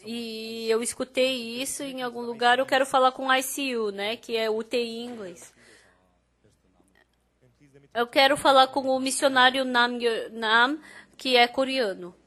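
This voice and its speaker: A woman interprets a sermon in the first person and tells the story with rising emphasis. Her voice is high and bright, and it carries with a clear edge. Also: measured pace. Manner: storytelling, emphatic and animated when quoting.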